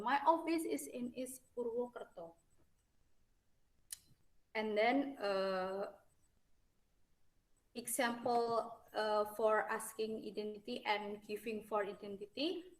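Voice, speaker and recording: Woman teacher, classroom lesson, slightly high, echoey room. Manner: reads example dialogues aloud, many fillers and "and then". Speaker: English teacher.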